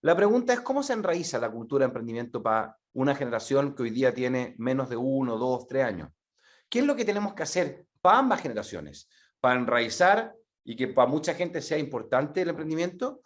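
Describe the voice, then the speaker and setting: Middle-aged Chilean male speaker, lively talk to an audience, slightly high pitch. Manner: animated, repeats words for emphasis. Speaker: speaker presenting a methodology.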